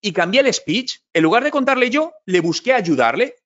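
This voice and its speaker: Man, high voice, interview guest telling stories; muffled lo-fi audio. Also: normal speed. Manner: storytelling, animated quotes of himself. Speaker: interview guest, digital marketing expert. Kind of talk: conversational interview. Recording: dull lo-fi sound.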